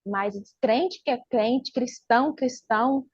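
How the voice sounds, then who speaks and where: A woman's voice: fairly high pitch, slow pace, husky, no echo. A woman with a Brazilian accent telling a personal church testimony to her pastor, acting out the dialogue as she goes. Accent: Brazilian Portuguese. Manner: lively storyteller acting out dialogue. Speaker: church member giving testimony. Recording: dull lo-fi dry recording.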